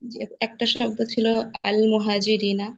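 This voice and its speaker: A woman student answers her teacher slowly and tentatively in an online class. Her voice stays flat and even. The sound is muffled and dry. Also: mid-range voice, creaky, dry recording.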